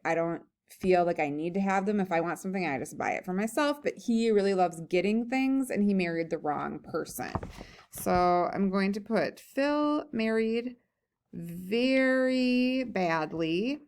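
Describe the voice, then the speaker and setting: A woman teacher reads a humorous story aloud in a fairly low, animated voice at a moderate pace. She laughs as she reads and breaks off for chatty think-aloud comments.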